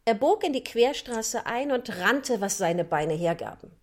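A woman reading a children's storybook aloud in an even, clear narrating voice. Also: fairly high pitch, unhurried. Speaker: audiobook narrator.

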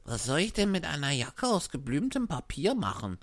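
A sensible little village boy who teases and mocks in a low, gruff tone, voiced by a woman reading a storybook. His lines drop low and bounce with scornful emphasis. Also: sing-song, normal speed, no echo, heavily acted. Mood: mocking.

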